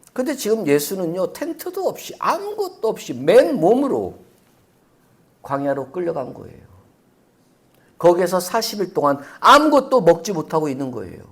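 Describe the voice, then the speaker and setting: An animated male pastor delivering a sermon, his fairly high voice swinging widely as he presses rhetorical questions on the congregation. He sometimes slips into acted-out voices to make a point.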